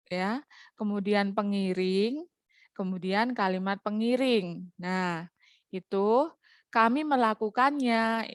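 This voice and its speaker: A woman's voice: mid-range voice, no echo, studio quality. A woman teaching a school grammar lesson, explaining step by step and checking in with her students as she goes. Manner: explains patiently with frequent "nah" and "ya".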